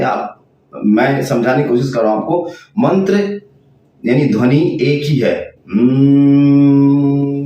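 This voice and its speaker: Slow-speaking man teaching, very echoey. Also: medium pitch, darkish tone, far from the mic, lo-fi sound. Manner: slow, repetitive explaining, demonstrating chanted sounds. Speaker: tantra teacher. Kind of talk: spiritual lesson. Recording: very echoey room, voice off-mic.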